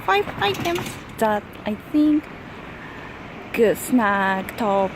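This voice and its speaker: A Japanese guest vlogger speaks English as a second language with a Japanese accent, talking shyly and haltingly in a casual vlog, partly filmed in a convenience store. Her voice is fairly high and sing-song, and the background is noisy.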